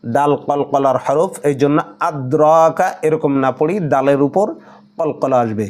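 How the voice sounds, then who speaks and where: A man with a Bangladeshi accent teaching tajweed. He explains each rule briskly, then recites the Arabic phrases slowly and drawn out. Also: on the high side, darkish tone. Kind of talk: tajweed lesson alternating explanation and slow recitation.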